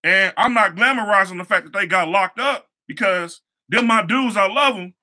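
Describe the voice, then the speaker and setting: A young man with a high, very bright and sharp voice tells stories from his life as a motivational talk. He speaks casually, circles back on his phrases and drops easygoing slang. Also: normal speed. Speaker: show host, hair stylist.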